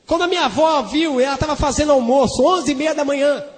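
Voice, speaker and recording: A man's voice: very high voice, quick pace. A man with a Brazilian Portuguese accent, an evangelist giving a fervent testimony and sermon, breaking into tongues as he preaches. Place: church hall. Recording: long hall reverb with faint music.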